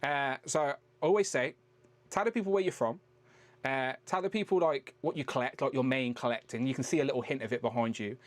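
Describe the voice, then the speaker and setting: A man's voice: mid-range voice, brisk, dry recording. A man hosting a casual live-stream chat, chatty and teasing, swearing casually as he greets his guests. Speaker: host.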